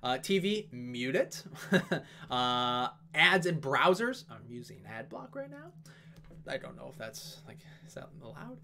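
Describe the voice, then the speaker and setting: A man talking fast and casually as he walks through an investment analysis, with plenty of fillers and asides. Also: medium pitch, sing-song, vocal fry, bright, forceful tone. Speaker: investing video host. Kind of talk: casual stock analysis talk.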